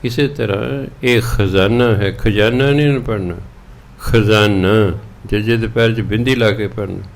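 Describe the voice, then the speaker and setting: Brief: male Punjabi preacher, lowish voice, chants verses slowly, explains plainly. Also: steady tone, creaky, a little hiss or hum. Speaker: Sikh preacher giving scripture exposition. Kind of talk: sermon explaining scripture line by line.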